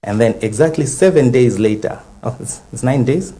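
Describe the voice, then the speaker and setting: A man with a Zambian English accent, speaking as legal counsel on a TV panel and methodically recounting a timeline with many pauses and fillers. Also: mid-range voice, mellow. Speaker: legal counsel for a conservation group. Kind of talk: studio TV panel discussion.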